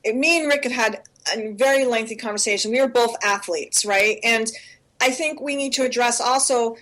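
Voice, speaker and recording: An earnest woman in her forties co-hosts a casual talk show, pressing her points with repetition. Her voice sits a little high for a woman, and she talks over a remote call. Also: moderate pace, fairly bright tone. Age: 40s. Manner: earnest, emphatic, repeats herself for stress. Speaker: co-host.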